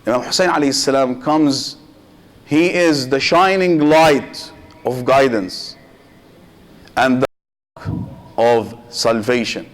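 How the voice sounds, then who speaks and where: A sheikh preaches a Muharram sermon slowly and deliberately, using short phrases with pauses in a medium-pitched voice. He speaks directly to his listeners and asks rhetorical questions.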